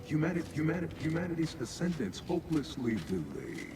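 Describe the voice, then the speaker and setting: A man's voice: a little high, huge pitch swings, brisk, echoey room. An actor playing a malfunctioning male AI computer in a video game, stuck in stuttering error loops and broken machine announcements. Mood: glitching. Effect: glitching, stuttering repeats like a broken machine. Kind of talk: video game character dialogue. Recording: distant voice under loud game noise.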